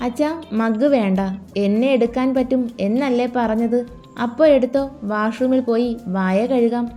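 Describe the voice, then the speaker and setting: A woman's voice: on the high side, moderate pace, warm tone, soft background music, natural voice. A woman voicing a playful, affectionate young daughter who talks in a sweet, teasing way.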